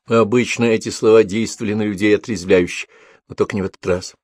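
A man narrating a novel as an audiobook in a steady storytelling manner. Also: fairly low pitch, fast talker, breathy edge, no echo.

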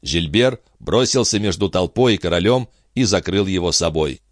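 A man narrating an audiobook in an expressive, steady storytelling manner. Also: deep voice, normal speed, dry recording, studio quality. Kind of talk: scripted narration.

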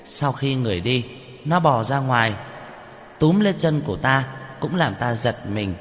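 A male storyteller voicing a bold, mischievous little girl who talks shrill and bratty. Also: animated, normal speed, big-room sound, close to an everyday voice. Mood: excited.

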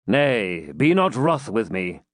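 A man voicing an armored knight who answers threats with calm, mocking courtesy. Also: on the low side, takes it slowly, no room sound. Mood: teasing. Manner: composed, mildly mocking.

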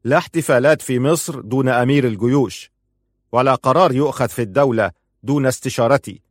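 A man's voice: mid-range voice, no room sound, studio quality, lightly acted. A man reading an audiobook, voicing a proud old army commander who speaks firmly and emphatically. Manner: firm, emphatic declaiming.

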